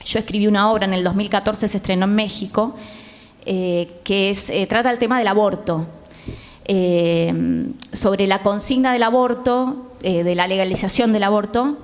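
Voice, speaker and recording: Talking as a guest on a live theatre panel, this Argentine-accented woman keeps to a medium pitch and steady, moderate pace. Her tone is conversational, and she pauses to find the right words while the hall echoes around her.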